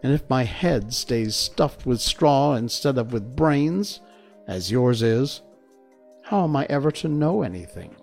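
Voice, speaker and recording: A husky storybook scarecrow, played by a male reader, friendly, simple and earnest. His polite, exclamatory speech is pitched up and swings widely, with music playing underneath. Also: animated, unhurried, a little mellow. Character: friendly, simple straw-stuffed male scarecrow come to life.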